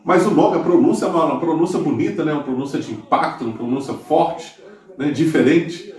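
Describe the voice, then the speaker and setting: A man's voice: fairly high pitch, a little fast, darkish tone, far from the mic. A man with a Brazilian Portuguese accent who hosts a channel, chatting casually to viewers in a rambling way, with many restarts and tag questions. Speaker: YouTube channel host. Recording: echoey room, voice off-mic.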